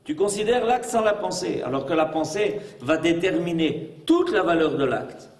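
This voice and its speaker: A man's voice: on the high side, animated, moderate pace. A man as a rabbi giving a religious lesson, emphatic and full of rhetorical questions. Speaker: rabbi teaching a class. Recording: echoey room, mic far off.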